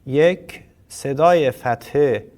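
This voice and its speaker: Slow formal man teaching Quran reading. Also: medium pitch, darkish tone. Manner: slow, deliberate, sounds out letters for learners to repeat; polite and formal address to learners. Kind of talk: formal recorded lesson.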